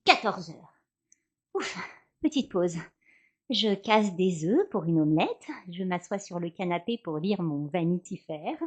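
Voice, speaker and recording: A woman performing a lively monologue as a podcast columnist, acting out a hectic day with her children. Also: on the low side, a little slow. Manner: theatrical, switching between narration and acted dialogue. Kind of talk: acted monologue about a mother's day.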